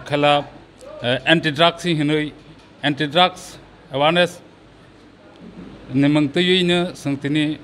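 A middle-aged man from Tripura with a Kokborok accent, the president of a sports committee, answering an outdoor interview with many pauses and fillers into a handheld mic. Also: a little high, fairly bright tone, slight background noise. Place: open pavilion beside a sports ground. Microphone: handheld mic held by interviewer.

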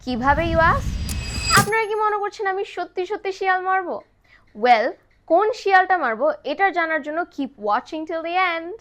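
A woman teaching English pronunciation to viewers, repeating each word slowly and mixing English phrases into her talk. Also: extremely high pitch, animated, a bit bright, slight background noise. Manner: slow, drawn-out repetition of each word. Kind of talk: scripted pronunciation lesson.

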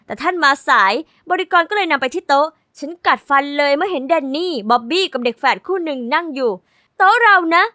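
A woman narrating a first-person animated diary story in a lively, sassy way. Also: high voice, fast talker, hardly any pauses, no echo, clean studio sound.

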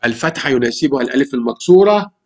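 A man's voice: medium pitch, expressive, rapid-fire. A man with an Egyptian Arabic accent teaching a primary school language lesson, patiently repeating words and asking rhetorical questions. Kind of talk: classroom lesson explaining grammar.

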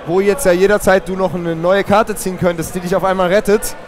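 A man's voice: sits high, fairly even intonation, brisk. A man in his thirties hosting a live show in a casual, chatty style. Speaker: show host. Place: open booth at a games convention. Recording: trade fair hall with loud crowd.

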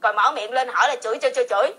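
A woman's voice: on the high side, racing, bright, forceful tone, breathy edge. A woman in her forties with a Southern Vietnamese accent, ranting in a heated, rambling, repetitive vlog with bursts of laughter. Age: 40s. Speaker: vlogger. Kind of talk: heated casual rant.

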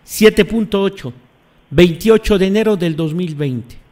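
Guy doing live commentary, kinda high voice, repeats himself for emphasis. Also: a little slow, a little mellow. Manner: emphatic, repeats phrases and questions the audience. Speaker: host.

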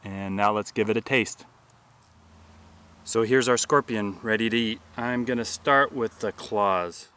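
Speaking a little slowly with a bright, forceful tone on the low side, a bushcraft host in his forties walks through outdoor survival cooking. He's plain and matter-of-fact, leaning on filler words, and the grassy-park recording carries a little hiss or hum.

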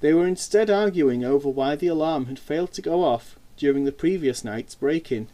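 A man reading an audiobook story aloud in an expressive storytelling manner. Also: a little high, moderate pace. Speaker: audiobook narrator. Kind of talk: scripted storybook narration.

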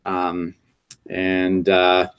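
A man who is getting over a cold, co-hosting a meetup in a relaxed, low-key way and often chiming in to agree. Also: extremely slow, clean tone. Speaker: meetup co-host. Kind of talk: casual talk to a group.

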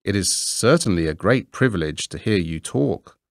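A man's voice: sits low, expressive, moderate pace, vocal fry, no echo, clean studio sound. A man voicing a shy, timid, hardworking little man who speaks earnestly and meekly.

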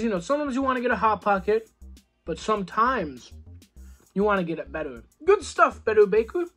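A man's voice: high-pitched, a bit bright. A young man reviewing microwave food at home in an easygoing, chatty way, talking to a camera across the table. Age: young adult. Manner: chatty, easygoing, lots of "you know". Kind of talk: casual food review vlog. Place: small room at home, seated at a table.

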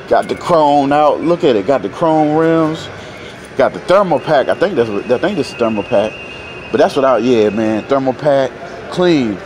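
A man from North Carolina, a truck driver casually vlogging to viewers in an animated, folksy way. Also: medium pitch, a little hiss or hum. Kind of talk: casual vlog talk to viewers. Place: truck stop, indoors and outdoors in the lot.

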